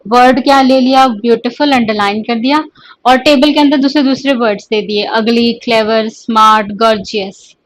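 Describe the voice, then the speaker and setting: A woman with an Indian English accent teaching an exam-prep English lesson, dictating terms slowly and then explaining them in Hindi. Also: on the high side, poor audio. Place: coaching class or studio.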